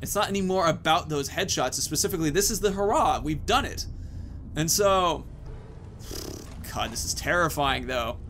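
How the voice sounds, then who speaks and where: During a video game playthrough, a thirtysomething host keeps up casual, meandering commentary and swears mildly now and then. He sounds a little high and a bit bright, animated at a normal speed, over slight background noise.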